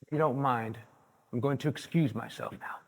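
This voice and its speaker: A man's voice: medium pitch, normal speed, lightly acted. A man on stage playing Paul Gauguin as a boastful, dismissive painter who tells his story theatrically and conversationally to the audience. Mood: smug, indignant. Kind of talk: stage play monologue. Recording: echoey theatre hall.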